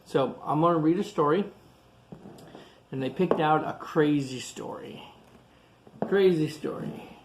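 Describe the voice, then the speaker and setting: Reading a picture book to kids, this storytime host keeps stopping to point at the illustrations and comment on them using simple, repeated phrases. He speaks with a somewhat high voice against background noise.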